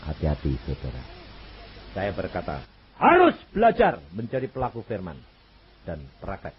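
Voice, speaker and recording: A man's voice: normal speed, breathy edge. A man with a Javanese accent preaching a sermon, telling a story and acting out the voices in it. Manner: animated, acts out dialogue with wide pitch swings. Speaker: evangelist preacher. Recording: muffled lo-fi recording with faint noise.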